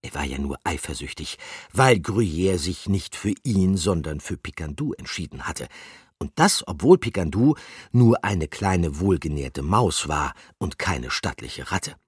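A man reading a children's story aloud in a lively, animated way. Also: low voice, measured pace, breathy edge, dry recording, clean studio sound. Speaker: narrator.

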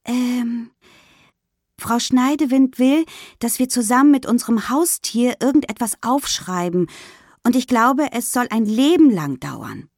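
A woman's voice: on the high side, expressive, unhurried, darkish tone, no room sound, studio quality, voice pushed up. A woman voicing an unsure young schoolgirl who rambles and hesitates.

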